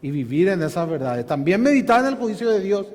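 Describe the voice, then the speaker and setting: Speaking in a large church hall, a male pastor gives a heartfelt Bible study sermon full of rhetorical questions, again and again calling his audience "hermanos," his brothers. His voice sits high with a darkish tone, and he talks briskly in a sing-song way.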